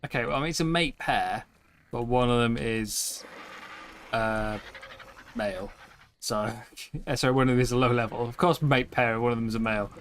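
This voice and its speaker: With a little hiss or hum in the recording, a man speaks at normal speed in a mid-range, fairly bright voice, pausing often. Yawning and tired, he's streaming a survival game live and rambling casually, frequently saying um and correcting himself.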